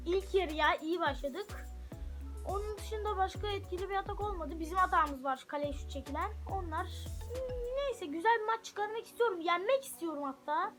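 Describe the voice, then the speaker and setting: A woman casually commentating her soccer video game at home, chatting to viewers and shouting at her players when the action heats up. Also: very high voice. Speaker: gaming channel host. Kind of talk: live gameplay commentary. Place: room at home.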